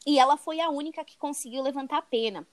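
Young woman, Brazilian accent, chatty, slightly high pitch, dry close sound. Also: quick pace, no echo. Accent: Brazilian Portuguese. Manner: chatty, tags sentences with "né?". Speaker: podcast co-host. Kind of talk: casual chat retelling a book.

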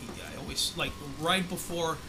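A man's voice: on the high side, moderate pace, rough recording. A man chatting casually about film and TV as a podcast co-host, loose, slangy and rambling, with some swearing. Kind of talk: casual film and TV chat with profanity. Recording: loud music behind the talk. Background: loud music.

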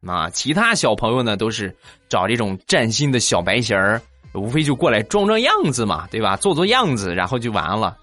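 A man's voice: lowish voice, very animated, brisk, a bit bright, dry recording, soft background music. A man hosting a comedy show, telling funny anecdotes in a chatty style and laughing at his own jokes. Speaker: comic storyteller host. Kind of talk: comic anecdote storytelling.

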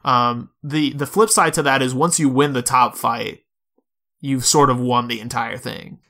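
Here a man co-hosting a video game podcast keeps things casual while breaking ideas down step by step. His medium-pitched, sharp voice stays fairly even in intonation and unhurried.

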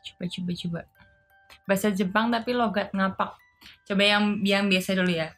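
A woman's voice: medium pitch, fairly even intonation, normal speed, fairly bright tone, soft background music. A woman chatting casually on a live stream, playful and laughing often as she reads viewer comments aloud and tries simple Japanese phrases.

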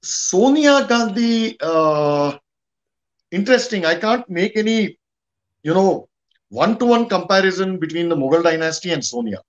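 A man with a distinctly high-pitched voice and an Indian accent speaks as a guest commentator. He talks conversationally, halting often and repeating phrases to drive them home. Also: muffled recording. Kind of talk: conversational history and politics discussion.

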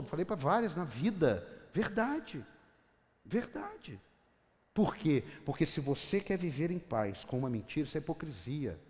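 A middle-aged man preaching a lively, conversational sermon, firing questions at the congregation. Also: a little high. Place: church hall. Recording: long church-hall reverb.

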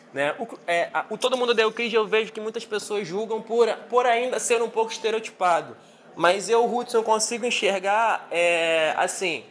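Convidado brasileiro, voz meio aguda, jeito animado e informal numa sala de conversa online. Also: male voice, on the high side. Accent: Brazilian. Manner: slangy, animated, emphatic. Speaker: TV show guest. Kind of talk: casual chat in an online audio room.

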